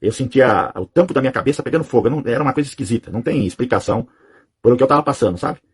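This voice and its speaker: A man in his thirties tells a personal testimony at a quick clip, his voice slightly husky and grainy. He rambles from one point to the next, often checking in with small "you know?" asides. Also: mid-range voice, animated. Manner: rambling, tags sentences with "sabe?" and "né?". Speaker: testimony giver.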